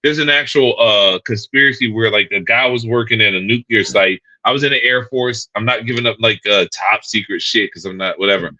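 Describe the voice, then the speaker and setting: A man's voice: on the low side, fairly quick, few pauses, pushed and bright, muffled recording. A man co-hosting a casual podcast, rambling and repeating words, with slang and swearing. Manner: profane, slangy. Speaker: podcast co-host.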